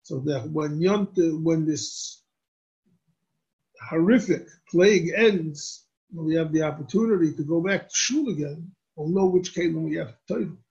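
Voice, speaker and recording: A man, a rabbi, answering questions on religious law in a deliberate, explanatory way and restating his points. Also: fairly high pitch, vocal fry, a little mellow. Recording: dull lo-fi recording.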